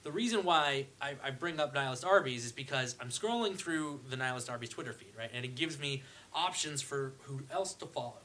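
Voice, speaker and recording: Animated man in casual podcast banter. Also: mid-range voice, a little fast, slight background noise. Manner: animated, laughing, reads tweets aloud in joke voices. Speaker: podcast co-host. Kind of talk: casual comedic chat.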